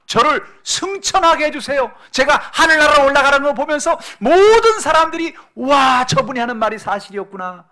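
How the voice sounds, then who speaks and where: A pastor giving voice to Jesus praying, reverent and pleading. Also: male voice, extremely high pitch, lively intonation, moderate pace, few pauses, sharp tone, voice pushed up, heavily acted. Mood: fervent. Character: Jesus, a grown man praying earnestly to his Father.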